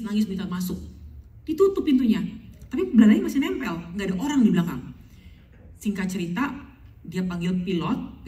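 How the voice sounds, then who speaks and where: A middle-aged woman pastor preaches and tells her own story with lively, animated retellings. Her voice is dark and mellow. She sounds like she's in a roomy, echoing hall, standing a little way back from the microphone. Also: medium pitch, far from the mic. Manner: animated storytelling, acts out pleading in English. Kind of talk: sermon with personal testimony.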